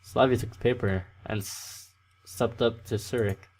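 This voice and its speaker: A man with a fairly low voice reads game text aloud in a loose, casual way. He stumbles on words and corrects himself as he goes, in an unpolished gaming-video style. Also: fairly even intonation, a little slow, a little mellow. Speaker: let's play host. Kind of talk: reading a visual novel aloud.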